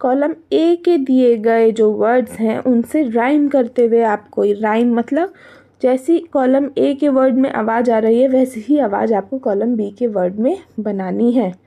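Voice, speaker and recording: Slow, patient Indian woman teacher. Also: on the high side, mellow. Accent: Indian English. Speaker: primary school teacher. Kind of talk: workbook lesson for young children.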